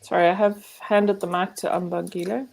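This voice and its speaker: A woman moderating an online meeting, brisk and polite. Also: fairly low pitch, flat delivery, vocal fry, a little mellow, a little hiss or hum, low-quality recording. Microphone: video call.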